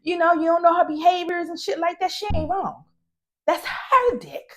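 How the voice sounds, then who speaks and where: A middle-aged woman giving a casual, profane movie recap, animated and laughing often. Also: very high voice, moderate pace. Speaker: movie reviewer.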